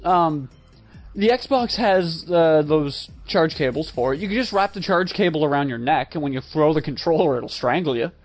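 A man's voice: a little high, lively intonation, normal speed. A man co-hosting a gaming show in casual banter, joking and ranting with plenty of swearing. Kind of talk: casual video game banter.

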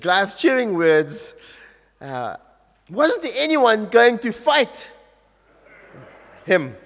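A man's voice: sits high, takes it slowly. A man leading an interactive children's story at a church service, coaxing the audience to join in with actions. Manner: animated, coaxing audience participation. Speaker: youth leader telling a story at a service. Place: large church. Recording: dull echoey church recording.

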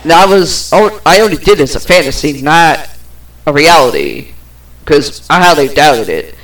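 A woman's voice: sits low, sing-song, normal speed, poor audio. A woman hosting her own podcast, ranting in a rambling way, swearing now and then and trailing off with fillers. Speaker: podcast host. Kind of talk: personal podcast rant.

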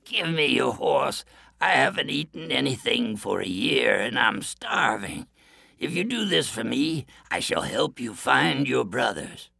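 A man voicing a starving, cunning male wolf who pleads slowly and then speaks knowingly. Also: mid-range voice, big pitch swings, creaky, sharp tone, breathy edge, dry recording, clean studio sound, pitched above the performer's own voice, exaggerated voice. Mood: pleading.

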